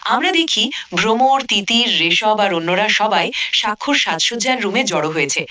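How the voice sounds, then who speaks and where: A woman reading a TV serial episode recap as scripted narration, telling it in a lively storytelling way. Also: medium pitch, normal speed. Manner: lively storytelling, reads every part herself.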